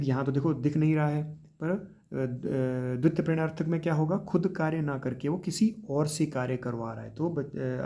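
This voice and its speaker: A man teaching an exam-prep grammar lesson, patient and methodical. He repeats key terms, checks in with quick tag questions, and talks to his students as if they were children. His pitch sits at a middle level. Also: darkish tone.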